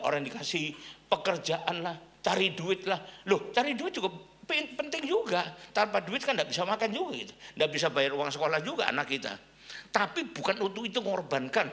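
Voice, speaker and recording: Middle-aged man, pastor, lively high-pitched sermon delivery, asks the congregation questions. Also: fairly quick. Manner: animated storytelling preacher, asks the congregation questions.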